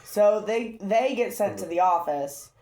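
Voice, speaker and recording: A woman's voice: medium pitch, a little slow. A woman game master, casually recapping a tabletop session with lots of fillers and swearing. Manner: relaxed storytelling with frequent fillers and profanity. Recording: roomy echo.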